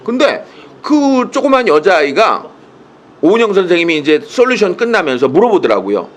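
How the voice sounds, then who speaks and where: A man's voice: high-pitched, big pitch swings, moderate pace. A man giving a humorous lecture over a video call, telling stories in a playful, teasing way and acting out the quotes. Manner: playful, teasing storyteller who acts out quotes. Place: indoors, speaking to a monitor.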